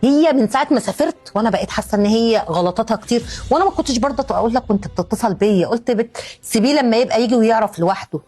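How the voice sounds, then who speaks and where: A woman playing a scheming middle-aged mother-in-law who talks smoothly and dismissively. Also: a little high, animated, very fast, mellow, faint music behind.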